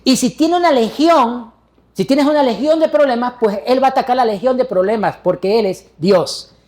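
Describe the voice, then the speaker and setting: A man's voice: very high-pitched, moderate pace, darkish tone. A male pastor delivering a sermon, preaching emphatically and putting rhetorical questions to the congregation.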